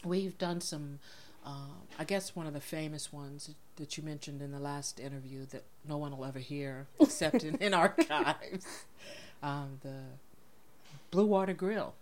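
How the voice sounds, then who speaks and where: A woman hosting a casual interview, chatty and relaxed, laughing often and filling pauses with "um" and "uh.". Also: low-pitched, slight background noise. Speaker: podcast host.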